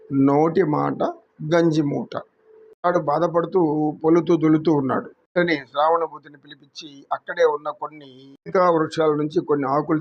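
A man with a Telugu accent, a yoga teacher telling a moral story in an unhurried, preachy way. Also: on the high side, highs cut off.

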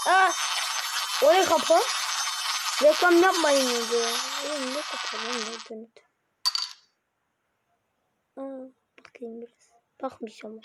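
A woman giving excitable, slangy reaction commentary as a YouTuber, yelping whenever something scares her. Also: high-pitched. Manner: excitable, jumpy and slangy, yelps when scared. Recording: loud background noise.

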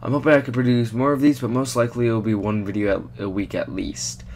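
Fast-talking young guy hosting a gaming channel. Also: medium pitch, fairly even intonation, darkish tone, a little hiss or hum. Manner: brisk, upbeat sign-off patter. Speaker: channel host introducing a gameplay montage. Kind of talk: casual scripted intro.

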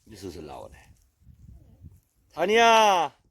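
A middle-aged man, chatting casually to the camera outdoors about his dogs. He speaks in plain, rambling talk and drops to low mutters for his asides. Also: breathy edge. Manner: calls dogs loudly and high, then mutters low asides. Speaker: vlogger caring for dogs in the mountains. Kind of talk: casual running commentary to camera. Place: outdoors, windy. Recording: faint wind noise outdoors.

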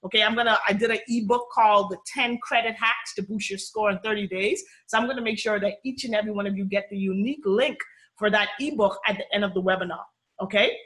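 A woman in her thirties from the Bahamas, speaking with a Bahamian accent, hosts a live personal finance webinar over video call from a small room at home. Her mid-range, fairly bright voice moves fast, chatty and upbeat, with frequent "you know" and "okay?" check-ins.

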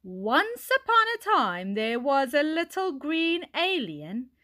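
A woman's voice: high-pitched, very animated, slow pace, pushed and bright, voice pushed up, full character voice. A woman voicing a friendly male primary teacher reading to his class.

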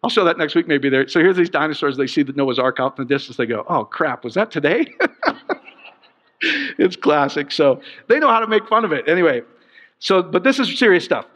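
A middle-aged man preaching a sermon in an animated, joking way, often breaking into laughter. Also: a little high, quick pace. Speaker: pastor. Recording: dull sound in a long-reverb hall.

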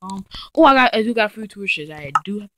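A woman giving casual, chatty gameplay commentary, talking straight to her viewers and getting excitable and easily frightened as she plays. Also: medium pitch, fairly quick, heavy background noise. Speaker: let's play gamer.

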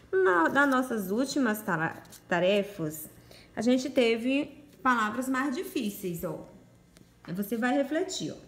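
A woman's voice: high voice, roomy sound. A Brazilian woman teaching a recorded phonics lesson to young children from home, sounding out letters in a coaxing, sing-song voice. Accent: Brazilian Portuguese. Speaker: primary school teacher. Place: home room. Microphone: phone or home camera, voice only.

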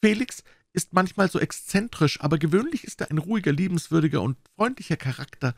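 A fussy, scheming mother from an old crime story, her voice lifted far above a man's usual register and spilling out in quick, wheedling chatter. A man reads her out, close and dry on the mic. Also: fairly high pitch, animated, creaky, breathy edge, dry recording, pitched above the performer's own voice, heavily acted. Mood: ingratiating. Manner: chattering, ingratiating.

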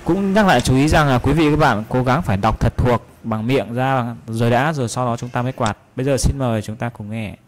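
A man from Vietnam teaching a guitar lesson, patiently calling out strum patterns and repeating them slowly. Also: medium pitch, a little hiss or hum. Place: guitar class room.

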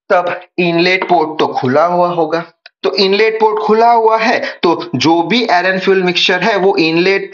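Here a young male tutor, fairly bright in tone and a little high, gives a whiteboard lecture on engineering with the highs trimmed from the sound. He quizzes the room, supplies the answers, and repeats what matters most.

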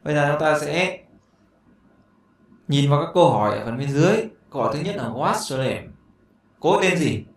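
A man's voice: a little high, animated, moderate pace, pauses often. A man with a Vietnamese accent teaching a beginner English lesson, chatty, repeating words often and breaking in with fillers and asides. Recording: echoey room with faint noise.

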